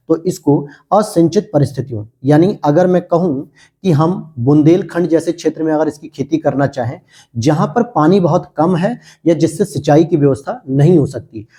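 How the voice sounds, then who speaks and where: A man's voice: on the high side, dark tone, breathy edge. A man teaching an exam prep lesson, asking questions aloud and answering them himself. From India.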